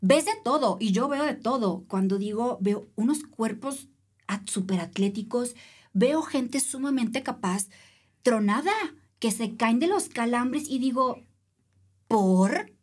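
A woman with a Mexican Spanish accent, a triathlete guest telling a race story in a casual interview, animated and acting out other people's voices. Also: on the high side, slow, husky.

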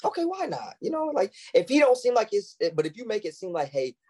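A man's voice: high voice, sing-song, fast, mellow, a little hiss or hum, rough recording. A young man, a guest on a podcast, talking in casual chat and acting out quoted lines in shifting voices.

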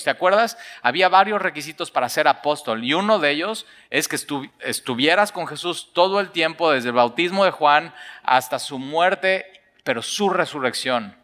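A man's voice: a little high, bright, forceful tone, in a large hall. A male pastor preaching a sermon, earnest and emphatic.

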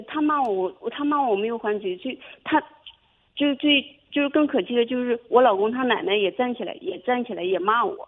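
A young woman calling in to a radio advice show, telling her story haltingly with many restarts. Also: fairly high pitch. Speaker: caller. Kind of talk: phone-in advice call. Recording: tinny phone line.

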